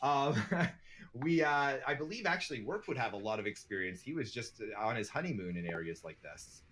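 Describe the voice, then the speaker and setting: Bright-voiced Canadian male esports caster. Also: medium pitch, normal speed. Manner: upbeat, chatty, laughs often, rising excitement on big plays. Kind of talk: play-by-play esports commentary.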